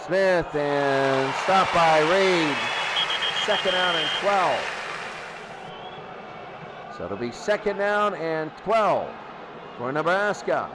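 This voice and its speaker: With background noise behind him, a man with a high voice gives excitable play-by-play commentary on a football game. His calls are short and clipped, and he tends to repeat his phrases.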